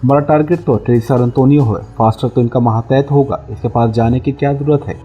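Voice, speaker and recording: A man's voice: mid-range voice, fairly even intonation, brisk, lo-fi sound, faint music behind, natural voice. A man voicing a grim, ruthless male agent. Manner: menacing, blunt.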